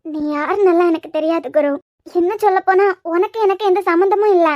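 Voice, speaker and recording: This cartoon web series voice work features a woman with a very high voice and a slightly fast pace, playing a young roommate who is earnest, scolding, yet tender. She has a Kanyakumari Tamil accent, and the dry recording has its highs cut off.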